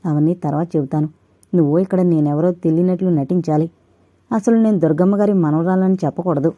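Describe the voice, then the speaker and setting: A woman reading a story voices a secretive young woman who speaks in a hushed, hurried way. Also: lowish voice, no echo, muffled recording, close to an everyday voice.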